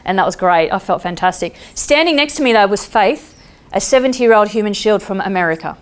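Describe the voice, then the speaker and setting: Lively Australian woman telling a story. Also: medium pitch, a little fast, clear, resonant tone. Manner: lively, acts out voices and laughs at her own jokes. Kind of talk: live storytelling talk. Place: stage before an audience.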